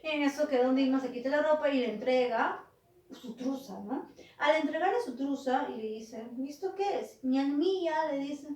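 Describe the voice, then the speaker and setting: High-voiced teacher retelling a folk tale. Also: female voice, moderate pace, distant mic. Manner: lively storyteller, frequent tag questions. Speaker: literature teacher. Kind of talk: retelling a story in a lesson. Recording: roomy, from off the mic.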